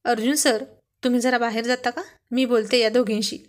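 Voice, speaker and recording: Playful young wife, chiding and bossy, bright higher voice, read by a woman narrator. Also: little pitch movement, fairly quick, natural voice. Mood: calm.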